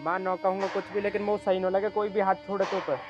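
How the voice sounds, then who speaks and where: Brief: meek Haryanvi orphan, soft and pleading, high voice, played by a man, dull distant sound. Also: level tone, quick pace, over music, natural voice. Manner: humble, pleading. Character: humble orphaned young man, meek and loyal. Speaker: adopted son in a village drama. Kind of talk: Haryanvi film acting.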